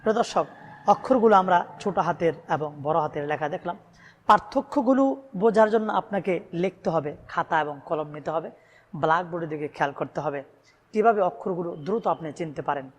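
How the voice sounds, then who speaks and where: A man's voice: on the high side, fast. A man from Bangladesh teaching Quran reading, addressing viewers and stretching out each Arabic letter sound with emphatic repetition. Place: room with a blackboard. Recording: long hall reverb.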